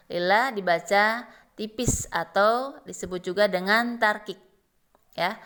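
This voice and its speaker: Slow, smooth-voiced woman teaching recitation. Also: fairly low pitch, fairly bright tone. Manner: slow, patient explaining with sung recitation. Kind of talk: tajwid lesson with chanted examples.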